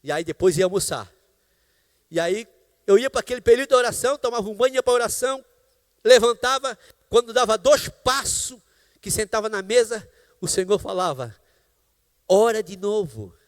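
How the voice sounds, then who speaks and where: A male pastor with a Brazilian Portuguese accent preaches in a large church, his voice sitting fairly high for a man. He tells his story in a preaching cadence, breaking into cries of praise along the way. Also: a little fast, in a large hall. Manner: storytelling testimony with preaching exclamations. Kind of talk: sermon. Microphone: live stream church microphone.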